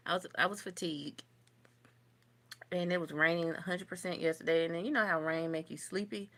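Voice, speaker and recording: A young woman chats while applying makeup during a livestream from indoors at home, answering viewers' comments along the way. Her voice is lowish and a bit bright, with fairly even intonation, normal speed, and long pauses.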